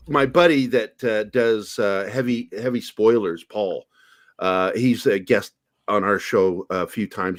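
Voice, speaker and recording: A man hosting a podcast in casual chat, joking crudely and laughing often. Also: lowish voice. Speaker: podcast host.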